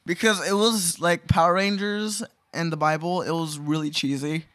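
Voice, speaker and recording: Young man, upbeat and fairly high. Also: fairly even intonation, normal speed, a bit bright. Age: young adult. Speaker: podcast guest host. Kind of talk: casual chat.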